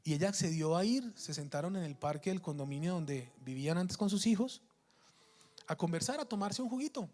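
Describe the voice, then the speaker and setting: A man's voice: sits high, animated, a little fast, a little mellow. A man preaching a sermon, telling a story in an emphatic way with frequent restarts.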